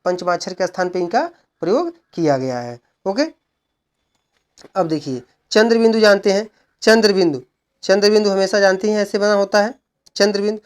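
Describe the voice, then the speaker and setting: A male teacher giving an exam-prep grammar lesson, who asks questions and answers them himself while explaining slowly and repeating key points. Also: high-pitched, clear, resonant tone. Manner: slow, repeated explaining with frequent "look" and "okay".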